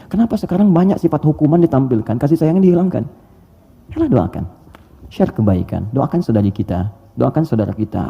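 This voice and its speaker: A man preaching a sermon, lively and full of rhetorical questions. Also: medium pitch, slightly rough. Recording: dull audio with long hall reverb.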